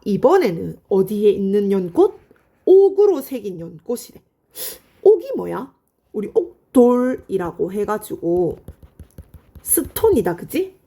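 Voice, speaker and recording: Woman literature teacher, animated pitch, breathy, chatty lecturing. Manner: asks students questions and answers them herself; explains in a friendly, chatty way. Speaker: high school literature teacher. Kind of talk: online lecture.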